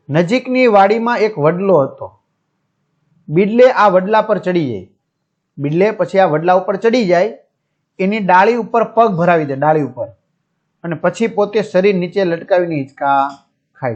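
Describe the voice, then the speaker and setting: Reading and explaining a story for young pupils, a man with a high voice and darkish tone simplifies each line and pauses to check in with his listeners. The sound is dull and lo-fi.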